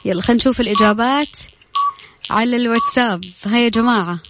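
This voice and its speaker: A woman's voice: fairly high pitch, fast, noisy background. A woman with a Hijazi Saudi accent, presenting a live radio quiz in a chatty, informal way, talking straight to her listeners. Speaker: radio quiz show host. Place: radio studio. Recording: music running behind the voice. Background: music.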